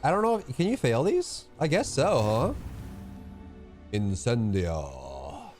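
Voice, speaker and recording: A man's voice: on the high side, sing-song, normal speed, faint music behind. A man hosting a let's-play, making casual, playful jokes at the game as he plays. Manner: playful, joking asides to the game. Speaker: gaming channel host.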